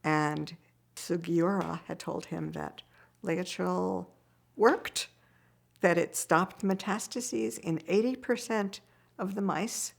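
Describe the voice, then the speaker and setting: A woman's voice: on the low side, slow pace, creaky. A woman recounting what someone told her, in a matter-of-fact documentary interview.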